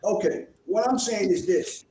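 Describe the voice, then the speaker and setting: A man from New York City calling into an online discussion over a weak connection that fades in and out, speaking haltingly and checking that he can be heard. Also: high-pitched, lively intonation, mellow. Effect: breaking-up online call audio, fading in and out. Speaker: caller joining an online discussion. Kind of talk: casual discussion. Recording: echoey, distant, noisy call line.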